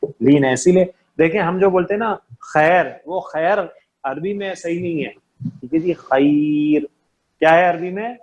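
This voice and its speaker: A man's voice: on the high side, a little slow, a little mellow, lo-fi sound. A man teaching an online class, patient, repeating key terms and checking often that his students understand.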